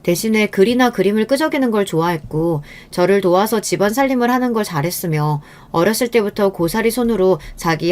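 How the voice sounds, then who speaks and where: A middle-aged woman telling a first-person story in a calm, confiding, rueful tone. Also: mid-range voice. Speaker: story narrator.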